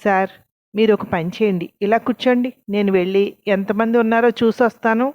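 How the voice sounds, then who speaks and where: A woman's voice: mid-range voice, steady tone, a little fast, no echo, highs cut off, lightly acted. A woman voicing a bold servant woman in a storybook reading, with a bossy, sarcastic manner.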